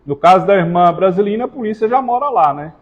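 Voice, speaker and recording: A man preaching a sermon in a church, with slow emphatic stresses and joking asides to the congregation. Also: sits high, expressive, muffled recording. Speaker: pastor. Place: church hall. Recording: reverberant church hall.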